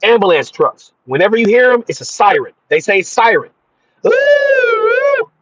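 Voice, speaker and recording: A man's voice: high-pitched, animated, fairly quick, a bit bright, breathy edge, no room sound. Earnest man preaching in a dry, dull recording. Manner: earnest and preachy, with repeated restarts. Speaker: channel host. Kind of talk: informal spiritual teaching monologue.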